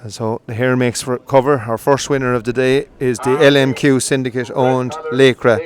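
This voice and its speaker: A man giving live commentary on greyhound coursing from an outdoor field, brisk and rising with excitement during the runs. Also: medium pitch. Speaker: race commentator.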